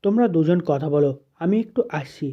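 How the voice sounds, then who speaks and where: A man voicing a gentle young sister who talks in a soothing, persuasive way, in a dull lo-fi recording. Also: low-pitched, animated, moderate pace. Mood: coaxing.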